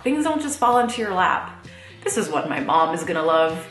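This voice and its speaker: A woman's voice: fairly low pitch, big pitch swings, moderate pace, fairly bright tone, reverberant, soft background music. A thirty-year-old woman vlogging in a chatty, casual way, laughing often and using lots of fillers. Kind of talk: casual chat to camera.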